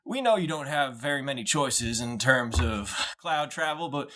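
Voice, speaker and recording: A man's voice: medium pitch, animated, moderate pace, fairly bright tone, pitched above the performer's own voice, natural voice. A man voicing a polite, cheerful airline announcer reading safety notices. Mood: polite cheery. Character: chipper adult airline announcer on a cloud flight.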